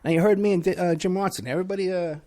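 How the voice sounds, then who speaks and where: Rambling sarcastically through a monologue, this talk radio host and private investigator is a man from New City, listed as from New York City too. He speaks very fast in a high-pitched voice with a steady, dark tone.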